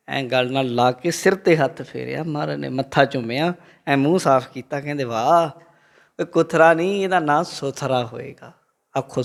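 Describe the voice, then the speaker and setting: A man with a Punjabi accent giving a religious talk, preaching and telling a story to a congregation. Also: on the high side. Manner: lively, quotes the Guru and tells a story to the congregation. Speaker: Sikh preacher.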